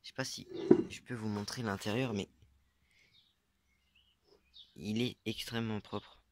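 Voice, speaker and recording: A man's voice: lowish voice, steady tone, measured pace, a little hiss or hum. A young man casually showing his metal-detecting finds, talking hesitantly with many fillers and unsure asides. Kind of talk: casual show-and-tell vlog.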